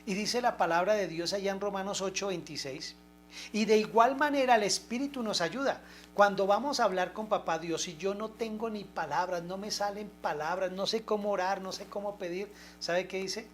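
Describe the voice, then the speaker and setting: A woman's voice: medium pitch, normal speed, slight background noise. An older woman preaching an informal, homely sermon, often checking that listeners understand.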